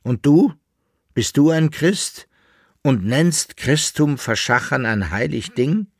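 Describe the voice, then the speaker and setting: A male reader plays a brash, impudent servant scolding his master in a high, shrill, cheeky voice, loud and pushy in every phrase. The delivery is slow and dragging, mocking and exaggerated, recorded close and dry with no room sound.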